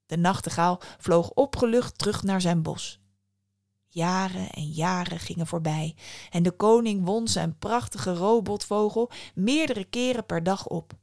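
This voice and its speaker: A woman podcast host narrating a fairy tale in a calm, measured storytelling manner. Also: on the low side, no room sound, studio quality.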